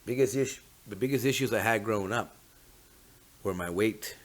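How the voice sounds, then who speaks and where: A man's voice: fairly low pitch, moderate pace. A man with a Mi'kmaq First Nations Canadian English accent giving an informal, reflective, rambling talk, often tagging his phrases with "eh". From Mi'kma'ki, eastern Canada. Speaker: host of a talk on traditional teachings.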